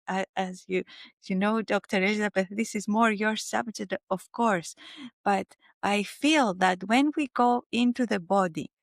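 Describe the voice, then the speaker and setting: A woman with a Greek accent, a spiritual teacher speaking as an interview guest in a gentle, searching way with frequent restarts. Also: mid-range voice, no room sound, studio quality. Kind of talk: reflective interview talk.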